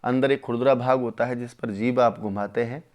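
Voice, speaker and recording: Close to the mic, a male Sanskrit teacher runs a live online lesson for exam takers, addressing viewers as friends with eager, enthusiastic warmth. His mid-range voice has fairly even intonation, and he drags out each grammar rule syllable by syllable so the class can follow the sutras.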